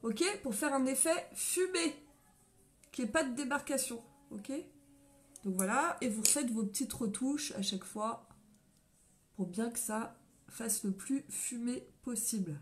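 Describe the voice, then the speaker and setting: A woman's voice: high voice, fairly bright tone. A woman from France doing a casual live makeup tutorial, chatty and friendly, greeting viewers by name and laughing often, a little winded and coughing after a run.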